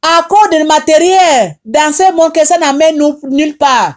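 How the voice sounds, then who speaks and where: A woman's voice: high voice, unhurried. Tearful woman preaching with Haitian French accent. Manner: impassioned, repetitive, rebuking. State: tearful, upset. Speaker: online advice host. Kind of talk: emotional preaching monologue.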